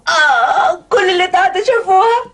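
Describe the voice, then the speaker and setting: A scheming wife in a 1990s Egyptian TV melodrama, moaning and sobbing through fake pain. Her Egyptian voice sits very high and lurches wildly between wails and shrieked accusations. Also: expressive, brisk, fairly bright tone. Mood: wailing hysterical. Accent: Egyptian Arabic.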